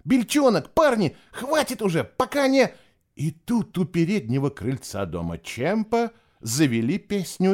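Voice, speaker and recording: A man narrates a children's book with lively, expressive delivery. His pitch moves widely as he reads. The voice sits in a middle register. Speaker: audiobook narrator. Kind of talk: scripted narration.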